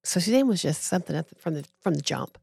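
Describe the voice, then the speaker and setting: Gravelly-voiced woman telling a story. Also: lowish voice, quick pace, no room sound, clean studio sound. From Texas. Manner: animated, acts out quoted voices. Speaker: podcast guest. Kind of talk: casual storytelling.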